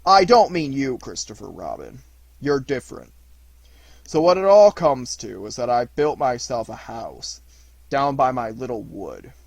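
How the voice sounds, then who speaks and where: Man voicing a gloomy, slow, mournful old-storybook donkey. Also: medium pitch, big pitch swings, vocal fry, no room sound, full character voice. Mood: melancholy, self-pitying. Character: gloomy, melancholy, self-pitying male donkey, slow and resigned.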